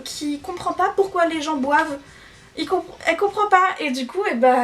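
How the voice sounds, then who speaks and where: A woman's voice: high-pitched, distant mic. A young woman casually recommending books on her channel, chatty and enthusiastic, with frequent fillers. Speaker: book vlogger. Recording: voice a little off-mic, faint music behind.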